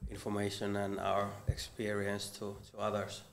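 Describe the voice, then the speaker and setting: Panel guest: man, lowish voice, halting delivery full of fillers, recorded in an echoey venue with faint background noise. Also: completely flat delivery, gravelly. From Finland. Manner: hesitant, many fillers. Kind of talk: casual panel chat. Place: live conference venue. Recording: roomy live event recording.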